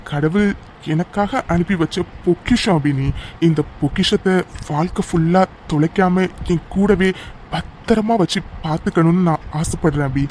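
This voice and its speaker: A man's voice: on the high side, darkish tone, slight background noise, close to an everyday voice. A young man voicing a devoted young lover in a cartoon, speaking earnestly and affectionately with a teasing edge. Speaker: narrating voice actor. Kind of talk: cartoon voice acting.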